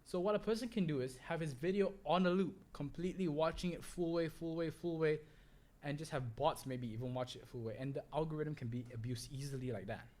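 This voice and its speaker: A man's voice: a little high, fairly quick, a little mellow. A young man hosting a solo podcast, rambling with fillers and restarts as he talks. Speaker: podcast host.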